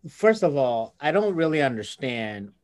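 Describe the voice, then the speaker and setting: A man talking casually as an interview guest, thinking aloud with pauses and tag questions. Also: mid-range voice, big pitch swings. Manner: thoughtful, pauses often, asks tag questions.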